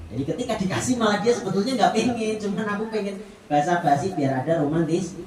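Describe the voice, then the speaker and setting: A man's voice: sits high, animated, quick pace, a crowd in the background. A man from Indonesia preaching a monthly religious study, telling stories with acted dialogue and light jokes. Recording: echoey room, distant mic, noisy.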